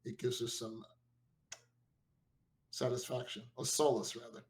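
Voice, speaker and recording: Middle-aged male co-host, mid pitch, relaxed storyteller. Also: brisk, low-quality recording. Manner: storytelling, relaxed, peppered with "like" and "right?". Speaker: podcast co-host. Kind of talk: casual chat.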